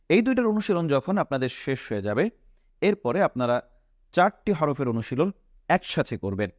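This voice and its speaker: A man's voice: medium pitch, no room sound, clean studio sound. A man teaching Arabic letter pronunciation in a recorded lesson, patiently drilling each sound and asking the viewer to repeat after him. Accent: Bangladeshi Bengali. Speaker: Quran teacher.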